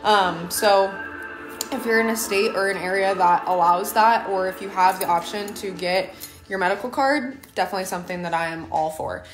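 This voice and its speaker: Her voice is mid-range but hoarse and raspy from a lingering cough as this young adult woman livestreams from her home kitchen. A mom and team leader, she chats earnestly, giving advice at normal speed over music. She speaks into a phone camera at arm's length, and the kitchen echoes.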